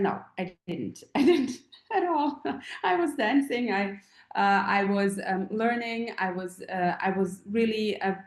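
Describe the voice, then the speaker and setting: A woman's voice: medium pitch, roomy sound. A woman from Serbia, about forty, hosting a live online Q&A as a feng shui teacher, rambling with many fillers and restarts. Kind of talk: live online call, casual talk.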